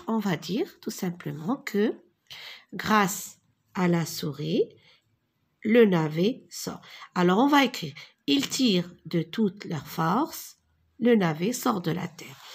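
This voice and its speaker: A woman teaching a beginners' reading lesson, dictating slowly and repeating words syllable by syllable. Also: mid-range voice, animated, creaky, husky.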